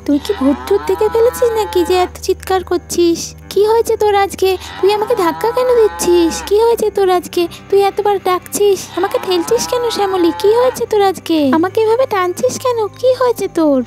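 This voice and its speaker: A woman's voice: extremely high pitch, a little fast, music in the background. A woman voicing a puzzled village woman who keeps asking her cow what is wrong. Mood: bewildered. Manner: bewildered repeated questions.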